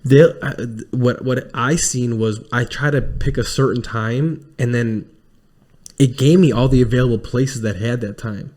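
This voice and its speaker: Crude, animated podcast man. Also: medium pitch, measured pace. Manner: crude, animated, swears freely. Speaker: podcast co-host. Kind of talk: casual chat.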